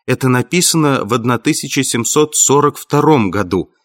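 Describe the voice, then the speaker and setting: A man voicing an earnest male country doctor with a sharp, slightly creaky voice. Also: mid-range voice, expressive, moderate pace, close to an everyday voice.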